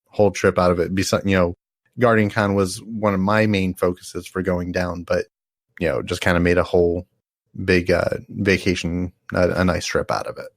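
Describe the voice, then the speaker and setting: Male guest, tired, deep and gravelly, rambling casual talk, dry close sound. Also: dry recording. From American. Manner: rambling, self-correcting, chuckles. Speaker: podcast guest. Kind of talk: casual podcast chat.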